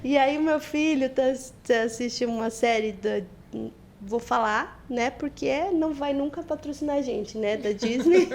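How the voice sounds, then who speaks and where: A woman with a Brazilian accent, co-hosting a podcast and telling family stories in a lively, laughing way. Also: sits high, moderate pace, a little hiss or hum. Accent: Brazilian Portuguese. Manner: animated, laughing storyteller. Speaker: podcast co-host. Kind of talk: casual chat.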